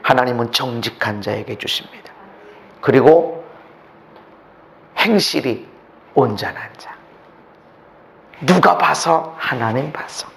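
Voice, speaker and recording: A male pastor preaching a sermon, swinging between loud emphatic preaching and hushed near-whispers, acting out conversations. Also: medium pitch, animated, slow, creaky, pauses often. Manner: acts out quoted conversations in his talk.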